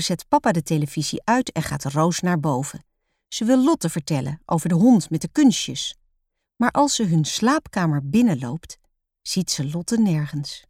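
A woman reads a children's story aloud in a calm, expressive storytelling voice. Her voice sits on the low side. The recording is close and dry. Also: no echo. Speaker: narrator.

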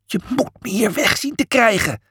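A man's voice: big pitch swings, normal speed, slightly rough, dry recording, studio quality, full character voice. A man voicing a whiny, cheeky young male pig who panics easily. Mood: panicked. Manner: high, whining, panicked.

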